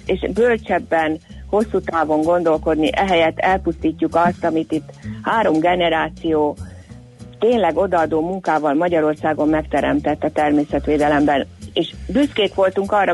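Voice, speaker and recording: A woman's voice: on the low side, a little mellow. A woman speaking as a campaigner and guest in an earnest radio interview.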